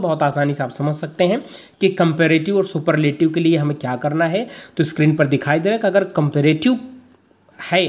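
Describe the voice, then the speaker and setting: A teacher explains slide after slide in an online lesson. The rules come out slowly, almost word by word, and the word pairs are read as a steady list. The teacher keeps turning to the viewers as friends. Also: medium pitch. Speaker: English teacher.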